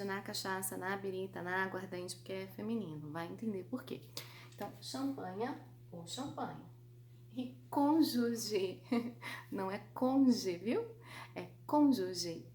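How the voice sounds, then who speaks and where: A Brazilian Portuguese woman teaching an online grammar lesson in a lively, playful way, calling her students sweet names. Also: mid-range voice, slight background noise.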